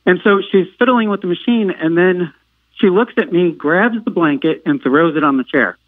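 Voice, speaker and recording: A man telling a personal story as a podcast guest, pausing on lots of "uh" fillers and jumping loud when he acts out what people said. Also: high-pitched, no room sound. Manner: halting, filler-heavy retelling; acts out quoted lines with sudden loud outbursts. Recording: narrow phone-like line, dry.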